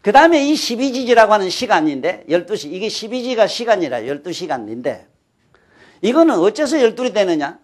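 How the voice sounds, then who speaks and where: An older man who lectures on folk culture addresses an audience in a homespun style, speaking with a Gyeongsang Korean accent. His voice is high for a man and swings widely in pitch. He constantly turns to his listeners with quick checks and rhetorical questions.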